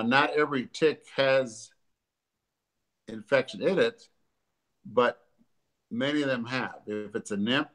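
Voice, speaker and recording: A man, hosting a live stream as a doctor from his living room, a bit congested, pausing often with ums and uhs. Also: medium pitch, fairly bright tone. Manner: halting, many ums and uhs. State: congested from allergies. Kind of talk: casual educational talk. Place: living room at home, sitting on a sofa. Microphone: webcam or laptop camera at desk distance.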